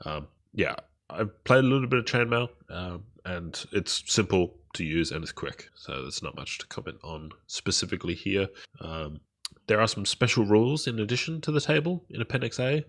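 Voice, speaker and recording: A man with a deep, gravelly voice hosts a solo podcast, his nose blocked by a cold so every word comes out nasal. He talks hesitantly, filling his pauses with ums and uhs. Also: a bit bright. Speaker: podcast host.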